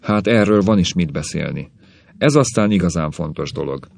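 A bitter, scornful husband, put on by a male audiobook reader, lectures and sneers in a very low, gravelly voice. Each remark drips with contempt. The recording is close and dry. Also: lively intonation, a little mellow, no echo, exaggerated voice. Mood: sneering. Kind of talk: audiobook reading.

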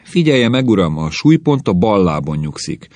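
A man's voice: low-pitched, very animated, darkish tone, no room sound. A man voicing a stern, pedantic professor of physical education who lectures and corrects. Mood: lecturing.

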